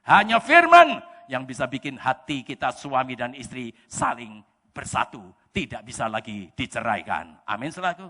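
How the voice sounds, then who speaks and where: A male pastor with a Javanese-inflected Indonesian accent preaching a sermon in church, animated and often bursting into shouts. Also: mid-range voice, moderate pace. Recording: echoey church hall reverb.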